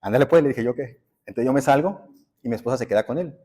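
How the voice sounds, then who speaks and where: A man's voice: medium pitch, quick pace, mellow. A man, preaching a sermon in a church and telling stories in a conversational way. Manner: conversational storytelling preaching, addresses listeners as brothers. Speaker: pastor. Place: church sanctuary.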